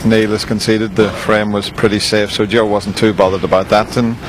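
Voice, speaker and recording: A man giving quiet, low-key snooker commentary in a relaxed, understated manner. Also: normal speed, slight background noise, rough recording.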